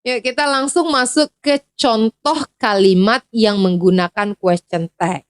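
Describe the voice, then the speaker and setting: A woman from Indonesia explains an English grammar lesson in a relaxed, chatty teaching voice that sits a little high. She keeps correcting herself as she goes. The sound is close and dry, with no room echo. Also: a little slow, smooth. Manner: casual and chatty, with fillers and self-corrections.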